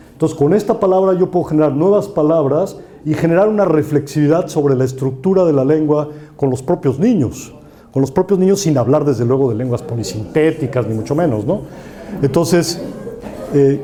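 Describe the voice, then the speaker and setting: A man lecturing at a conference, walking his listeners through slides with lively, repeating speech. His voice sits a little high but has a very dark, mellow tone. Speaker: linguist giving a conference talk. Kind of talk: academic talk with slides. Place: conference room.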